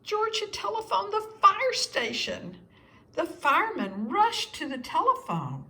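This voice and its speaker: A storybook reader with a very high voice narrates a children's story from a script. She reads expressively, pausing deliberately for young listeners.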